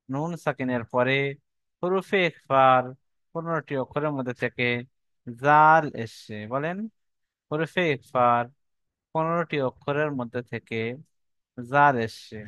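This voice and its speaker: A man teaching a Quran recitation lesson online, patiently repeating rules and slowly spelling out syllables. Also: mid-range voice, fairly even intonation, a bit bright, smooth, no echo.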